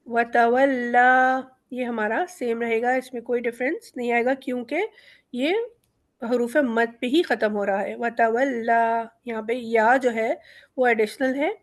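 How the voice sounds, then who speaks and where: Woman teaching Quran recitation, slow drawn-out examples. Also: on the high side. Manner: explains rules briskly, then recites each example word slowly, drawn out. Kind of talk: tajweed lesson, explaining and reciting examples.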